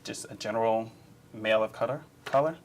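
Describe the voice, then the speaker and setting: A man hosting a casual group discussion, speaking in a halting way with fillers and restarts. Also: lowish voice, slight background noise. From Alabama. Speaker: host.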